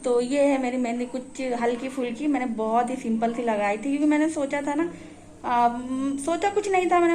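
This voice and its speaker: A woman's voice: sits high, darkish tone, slight background noise. A young woman casually narrating her day for a vlog, chatting to viewers as friends. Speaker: vlogger.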